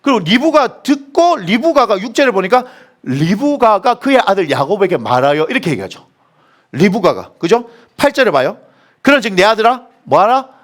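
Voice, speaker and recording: A male pastor preaching a sermon in a church, animated, asking the congregation questions and answering them himself. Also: high-pitched, normal speed. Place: church sanctuary.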